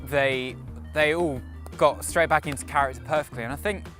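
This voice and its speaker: A man's voice: mid-range voice, moderate pace, fairly bright tone, faint music behind. A young man giving casual, opinionated reviews to camera as a vlog co-host.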